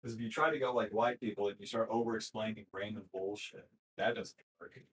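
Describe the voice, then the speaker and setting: A man coaching a video game in casual chat, joking, swearing and mocking players, then explaining moves in quick, plain steps. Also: on the low side, fairly even intonation, fairly bright tone, a little hiss or hum, low-quality recording. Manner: profane, joking, mocking impressions. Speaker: gaming coach and streamer.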